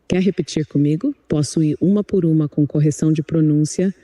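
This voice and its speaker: A man's voice: fairly high pitch, fairly even intonation, brisk, mellow, no echo. Upbeat synthetic male tutor voice. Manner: upbeat, encouraging, polished. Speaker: AI English tutor. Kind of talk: chatbot voice giving an English lesson.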